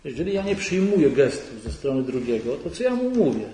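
A man's voice: medium pitch, very animated, brisk, warm tone. A man giving a conversational lecture at a church retreat, often asking the audience rhetorical questions. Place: large sanctuary hall. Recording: echoey hall recording, faint noise.

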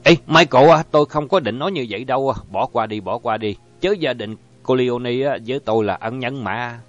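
A man's voice: medium pitch, expressive, moderate pace, lightly acted. A man reading an audiobook voices a blunt, proud doctor, raising his voice a little. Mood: apologetic. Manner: blunt, defensive. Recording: dull lo-fi audio, faint music.

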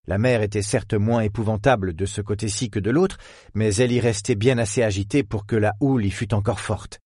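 A man narrating a novel as an audiobook, in a measured, literary storytelling manner. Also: fairly low pitch, steady tone, darkish tone, slightly rough, no echo, studio quality.

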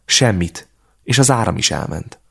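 A man's voice: on the low side, expressive, gravelly, sharp tone, husky, full character voice. A man voicing a frightened teenage girl in an audiobook, pleading and distressed.

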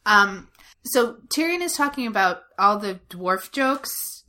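A woman's voice: medium pitch, lively intonation, slow, bright, forceful tone. A woman co-hosting a casual show recap podcast, talking sarcastically with lots of "like" as filler. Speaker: podcast co-host.

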